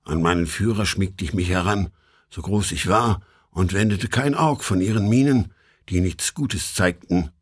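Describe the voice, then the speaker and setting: Husky man reading an epic poem. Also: low-pitched, measured pace. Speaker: audiobook reader. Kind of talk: scripted narration of an epic poem.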